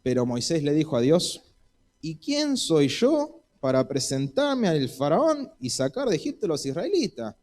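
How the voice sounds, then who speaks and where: Argentine guy preaching in church, slightly high voice, acts out the bible dialogue in voices. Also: huge pitch swings, a little slow, a little mellow. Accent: Argentine Spanish. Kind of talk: sermon.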